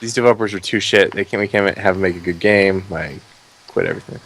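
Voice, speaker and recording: A podcast host with a low-pitched, fairly bright voice talks quickly in a casual video game review chat, sarcastic, critical and blunt about it. The recording is rough.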